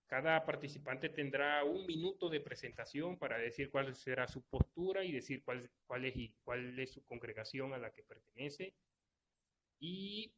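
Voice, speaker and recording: A man's voice: mid-range voice, sharp tone. A man moderating a live online debate, formally laying out the rules step by step. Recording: dull lo-fi online audio.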